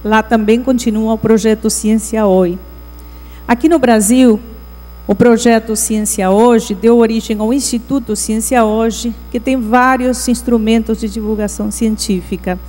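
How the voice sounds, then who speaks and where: A woman's voice: on the high side, fairly even intonation, mellow. Woman with an argentine accent. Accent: Argentine Spanish. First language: Spanish. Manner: measured, earnest, pausing mid-phrase. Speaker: education program director. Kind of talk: conference talk. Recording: reverberant hall, mains hum.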